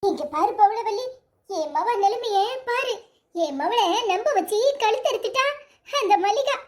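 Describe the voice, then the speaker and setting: A woman's voice: extremely high pitch, animated, a little slow. A woman voicing an anxious middle-aged village mother in a cartoon, lamenting in a Tirunelveli Tamil accent. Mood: fretful. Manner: fretful, lamenting.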